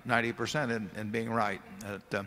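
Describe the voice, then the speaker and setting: An older man answers shareholder questions at a table microphone on a large arena stage, giving casual, folksy, rambling answers with many restarts. His voice sits on the low side with little pitch movement, a fairly quick pace, and a sharp tone. The arena PA adds long hall reverb.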